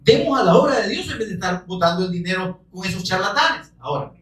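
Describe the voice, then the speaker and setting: A man delivers a fervent sermon, swinging into shouts and pressing his listeners with questions. He sounds set back from the microphone. The room rings with echo around him. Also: high-pitched, animated, fast talker, recorded from a distance. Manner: fervent, bursts into shouting, pleads with rhetorical questions. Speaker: preacher. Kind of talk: evangelical sermon.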